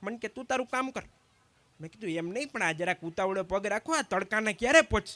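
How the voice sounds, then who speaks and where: A man telling stand-up jokes to a community gathering, swapping quickly between the sides of each dialogue. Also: sits high, lively intonation, sharp tone, no echo. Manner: quick anecdotal storytelling, acting out both sides of each exchange. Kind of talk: live stand-up joke telling.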